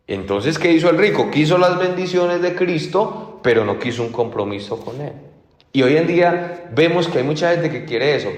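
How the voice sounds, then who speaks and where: A male pastor preaches earnestly and conversationally, often checking in with his listeners. His mid-pitched voice carries a long reverb through a roomy church hall. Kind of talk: sermon.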